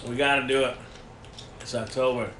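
A man's voice: medium pitch, steady tone, moderate pace, a bit bright, roomy sound, slight background noise. A man co-hosting a casual podcast chat from home, profane and rambling, laughing often, while nursing a broken foot. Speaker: podcast co-host. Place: home room with a dog nearby.

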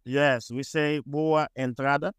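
A man chatting as a podcast guest, explaining things deliberately and repeating phrases. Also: fairly high pitch, fairly even intonation, clear, resonant tone, dry recording, clean studio sound. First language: Portuguese. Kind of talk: casual explanatory chat.

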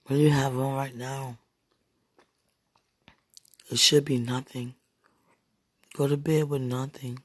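A woman leaving an intimate voice message from her bed, sighing and slipping between low murmurs and whispers, with her phone right at her mouth. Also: flat delivery, slow pace, long pauses, slightly rough, no echo. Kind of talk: intimate late-night voice message. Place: lying in bed at home. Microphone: phone held right at the mouth.

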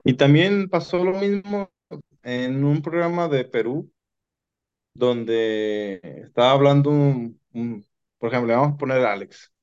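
A man's voice: mid-range voice, measured pace, a little mellow, clean tone. Rambling Mexican man, lo-fi sound. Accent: Mexican Spanish. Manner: rambling, restarts often. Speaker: podcast guest telling paranormal stories. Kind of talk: casual storytelling chat. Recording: dull lo-fi sound.

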